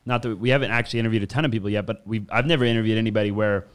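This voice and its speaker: A man hosting a casual interview, speaking quickly in a low, smooth, crisp voice. He is effusive and a bit rambling, and he keeps affirming his guest. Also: steady tone.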